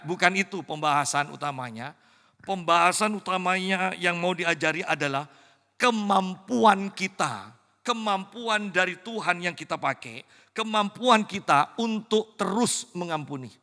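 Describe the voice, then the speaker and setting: A man preaching a sermon as pastor, dropping to hushed, slow stresses and rising to loud, high exclamations. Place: church sanctuary. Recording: reverberant church hall.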